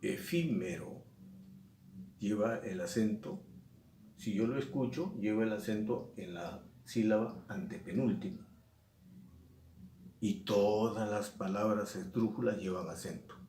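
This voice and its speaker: A male teacher, explaining a lesson slowly and repeating and stressing key words. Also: lowish voice, mellow, slight background noise. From Peru. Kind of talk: recorded lesson. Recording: echoey room, mic at a distance.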